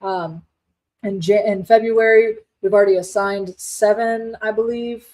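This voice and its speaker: A woman's voice: medium pitch, fairly even intonation, measured pace, darkish tone, poor audio. A woman hosting a casual live stream, chatty and firm, with many fillers and restarts. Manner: firm and direct. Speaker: livestream host, real estate wholesaler.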